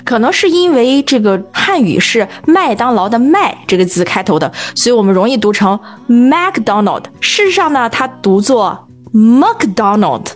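A woman's voice: fairly high pitch, sing-song, moderate pace, hardly any pauses, faint music behind. A woman co-hosting an English pronunciation podcast as the teacher, quizzing her partner in a confident, playful bilingual chat.

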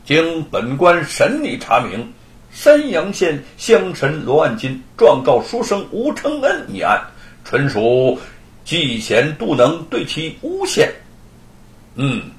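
A man voicing a shrewd magistrate who speaks in a measured, official, teasing way, in a storytelling recording. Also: a little high, huge pitch swings, reverberant, full character voice. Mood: stern. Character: shrewd male magistrate, dryly mocking.

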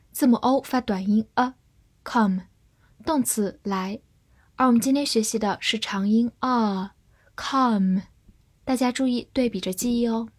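A woman teaching English vocabulary in a scripted lesson, explaining each word clearly and reading example sentences aloud slowly. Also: a little high. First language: Chinese. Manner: clear, measured explanations with slow read-alouds.

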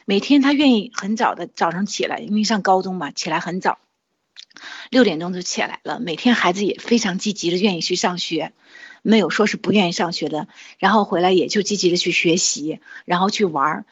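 A woman's voice: lowish voice, brisk, breathy edge, muffled recording. A woman, likely in her forties, earnestly sharing a personal testimony in a casual monologue, with frequent hesitations and restarts.

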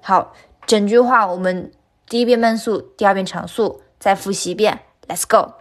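A woman giving an online singing lesson, chatty and encouraging, stopping often to sing lines slowly for the learner. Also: medium pitch, faint music behind. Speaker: singing teacher.

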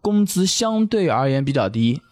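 A man's voice: medium pitch, sing-song, normal speed, a little mellow. A man in his thirties from China, chatting casually as an interview guest, speaking Mandarin with English loanwords pronounced in a Japanese accent. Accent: Japanese-accented pronunciation of English loanwords in Mandarin. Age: 30s. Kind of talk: casual conversational storytelling.

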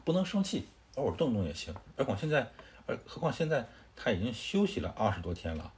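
A man telling a classic tale to a child in a casual, conversational way, adding explanatory asides and filling pauses with "er". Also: medium pitch, big pitch swings, darkish tone. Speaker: storyteller.

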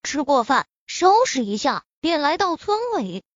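Expressive woman narrating a novel, high voice. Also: measured pace, no room sound. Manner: expressive storytelling. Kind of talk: audiobook narration of a web novel. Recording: dry, slightly dull audio.

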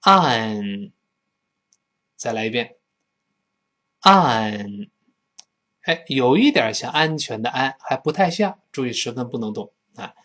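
Lively male English teacher, husky voice. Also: medium pitch, a little fast, hardly any pauses. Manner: lively, acts out dialogue lines in a raised voice. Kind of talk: spoken English lesson.

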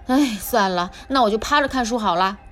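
A woman voicing an excitable, hot-tempered little boy frog in a children's storybook reading, calling out loud and whiny. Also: on the high side, brisk, faint music behind, natural voice. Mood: sheepish. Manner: loud, whiny, indignant shouting.

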